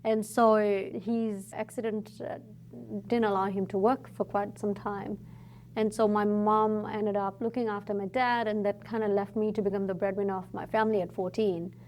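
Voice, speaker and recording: Podcast guest from Fiji: middle-aged woman, mid-pitched, thoughtful storyteller, faint hum behind. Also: level tone, a little mellow. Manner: reflective, storytelling, thoughtful pauses. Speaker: entrepreneur guest. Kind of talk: casual podcast interview.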